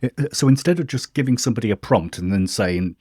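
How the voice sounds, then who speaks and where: A man hosting a casual question-and-answer video, chatting informally and thinking aloud while he demonstrates software. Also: lowish voice, animated, quick pace, no room sound, clean studio sound. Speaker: host answering viewer questions. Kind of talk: casual screen-share walkthrough.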